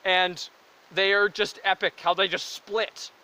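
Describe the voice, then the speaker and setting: A young man with a high, bright voice co-hosts a casual podcast with his brothers. He jokes and rambles eagerly, his pace racing ahead and then dragging. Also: little pitch movement, a little slow, clean tone, low-quality recording. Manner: upbeat, joking, rambling enthusiasm. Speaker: podcast co-host. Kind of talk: casual chat between brothers.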